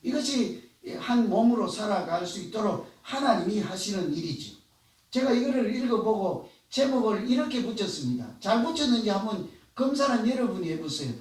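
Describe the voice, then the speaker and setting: A man's voice: high voice, sing-song, moderate pace. A man preaching a sermon as pastor, talking conversationally and asking the congregation questions. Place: church sanctuary. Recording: echoey church hall, voice from far off.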